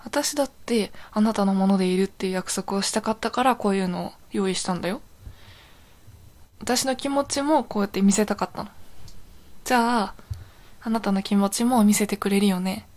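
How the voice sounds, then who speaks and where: A woman's voice: medium pitch, fairly quick, a little mellow, lightly acted. A woman playing a young, possessive yandere girlfriend in an intimate role-play audio drama, sounding sweet, clingy and eerily obsessive. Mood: insistent, possessive.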